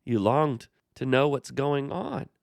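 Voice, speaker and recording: A man hosting a Bible study, explaining the passage in a measured way and speaking to the character directly. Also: mid-range voice, animated, gravelly, no room sound, clean studio sound. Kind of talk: scripture commentary dialogue.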